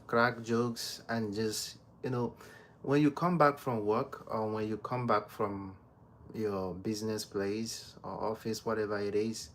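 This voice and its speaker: A man's voice: fairly low pitch, a little hiss or hum. A man hosting a casual livestream, reading viewer comments aloud and teasing them with frequent laughter. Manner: slow, relaxed talk with many fillers. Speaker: livestream host reading chat. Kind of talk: casual live chat.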